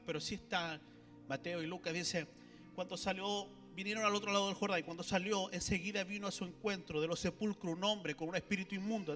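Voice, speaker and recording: A man's voice: sits high, bright, forceful tone, big-room sound. A man, a pastor preaching animatedly and speaking directly to the congregation. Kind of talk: sermon. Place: church hall.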